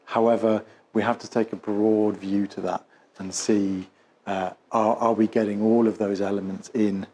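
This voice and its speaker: Taking a case history and teaching by explanation, this man, an osteopath and instructor, hesitates, repeats and rephrases often. He has a fairly low, dark voice with flat delivery at a moderate pace, and slight hiss or hum is present.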